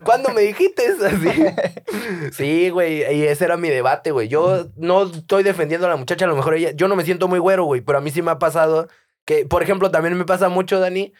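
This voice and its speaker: A man from Baja California, Mexico co-hosts a comedic podcast, talking fast in a slightly high voice. He tells stories in slangy, casual chat and laughs often.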